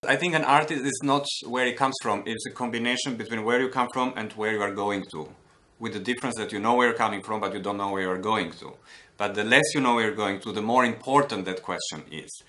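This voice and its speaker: A man from Albania with a low, bright and forceful voice, thinking aloud as he talks about his work. He halts often, restarting phrases and searching for words. He is seated in a book-lined room at home. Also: a little hiss or hum. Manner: thoughtful, halting, many restarts and fillers. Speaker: artist. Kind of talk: reflective interview monologue. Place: home studio with bookshelves, indoors.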